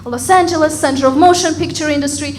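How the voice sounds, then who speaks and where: A woman from Russia with a Russian accent doing a deadpan stand-up set on a comedy club stage. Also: sits high, quick pace. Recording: loud crowd and room noise in a club. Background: audience laughter.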